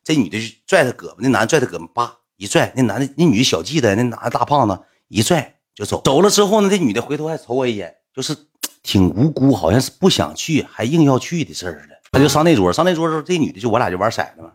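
A man's voice: medium pitch, sing-song, fast, breathy edge. A man, telling a story in a chatty, colloquial way. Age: 20s. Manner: chatty, colloquial, recounts with acted-out quotes. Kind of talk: casual spoken storytelling.

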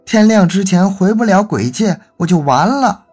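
A man's voice: sits high, very animated, slow, a little mellow, faint music behind, pitched above the performer's own voice, exaggerated voice. A man voicing a mischievous teenage boy who poses as a little ghost, teasing and then pleading.

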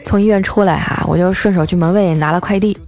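A woman hosting a podcast, telling funny everyday stories in a lively, chatty way with drawn-out filler sounds. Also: fairly low pitch. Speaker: podcast host. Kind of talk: scripted comedic storytelling. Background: faint background music.

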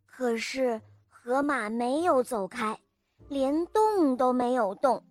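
A woman narrating a children's story with a lively, expressive reading. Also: high-pitched, slow, no echo, faint music behind.

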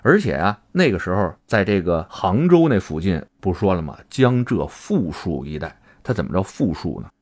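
Lively low-voiced man telling a story. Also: normal speed, hardly any pauses. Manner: animated, colloquial, acts out characters' lines. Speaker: podcast host. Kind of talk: casual storytelling chat.

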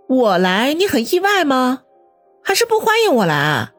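A man voicing a fiery, sharp-tongued young woman in a story reading, scolding in quick outbursts. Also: extremely high pitch, wildly swooping pitch, soft background music, voice pushed up, heavily acted. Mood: sulky. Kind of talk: audiobook character voice.

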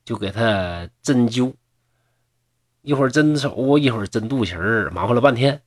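A man's voice: medium pitch, lively intonation, normal speed, no room sound, clean studio sound. A man telling a folk tale in a chatty manner with mocking asides. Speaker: storyteller.

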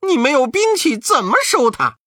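A man voicing a brash, cocky male monkey king hero with a high, sharp, snorting delivery in a storybook reading. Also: very animated, normal speed, no room sound, clean studio sound, exaggerated voice.

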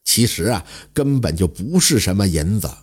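A man's voice: mid-range voice, huge pitch swings, normal speed, darkish tone, slightly rough. A man doing a shrewd, hearty old merchant. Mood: apologetic. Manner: hearty, scolding. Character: shrewd older male merchant, stern but warm.

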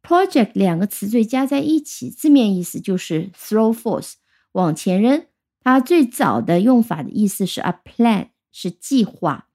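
Woman teaching English words, mellow voice. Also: medium pitch, animated. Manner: explains clearly, spells out letters and sounds words out slowly. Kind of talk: recorded vocabulary lesson.

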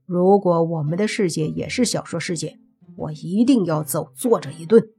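A woman's voice: fairly low pitch, normal speed, warm tone, soft background music, lightly acted. Woman reading as a grumbling young hero.

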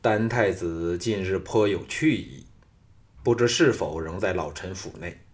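A male audiobook narrator voicing an older, scheming chief minister who speaks in a low, cold and restrained way. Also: measured pace. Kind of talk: audiobook character reading.

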